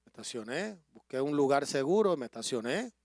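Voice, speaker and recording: A middle-aged pastor, preaching a sermon and telling a personal story with rising emotion and passion. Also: male voice, medium pitch, sing-song, a little fast, no echo, clean studio sound. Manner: emotional storytelling that builds to impassioned loud preaching.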